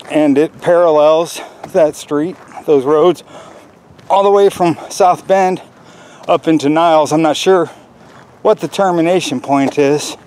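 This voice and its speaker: A middle-aged American man chatting casually to viewers in an unhurried way while walking outdoors, recorded on a built-in microphone with wind noise. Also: on the high side, darkish tone. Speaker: hiking vlogger. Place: outdoors in a windy wooded park. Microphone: camera's built-in microphone while walking. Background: wind, faint outdoor noise.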